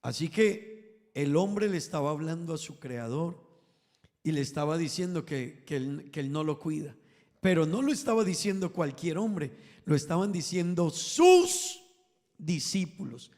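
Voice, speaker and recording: High-voiced preacher in a reverberant hall. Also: male voice, lively intonation, unhurried, a little mellow. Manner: emphatic, swells and drops in volume, addresses congregation as brothers. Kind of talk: sermon.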